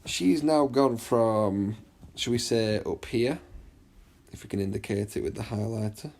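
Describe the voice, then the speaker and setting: A man teaching an exam revision lesson in a chatty way, often checking understanding and reading the extract aloud slowly. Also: lowish voice, darkish tone. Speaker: English literature teacher.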